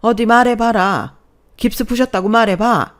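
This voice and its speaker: A woman voicing a furious older mother-in-law who scolds loudly and sternly in a storybook reading. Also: mid-range voice, animated, moderate pace, close to an everyday voice.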